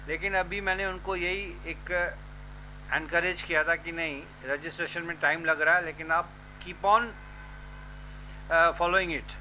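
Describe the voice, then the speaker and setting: A man's voice: on the high side, bright, forceful tone, slight background noise, low-quality recording. A man from India, a news presenter, explaining at length and persuading people, mixing Hindi with English phrases. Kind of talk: explanatory talk and street interviews.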